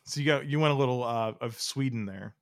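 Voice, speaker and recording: A man hosting a casual sports podcast, rambling loosely and leaning on "like" as he talks. His voice sits at a middle pitch. The sound is dry and close, with no room echo. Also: brisk, gravelly. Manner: rambling, heavy use of "like". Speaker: podcast host.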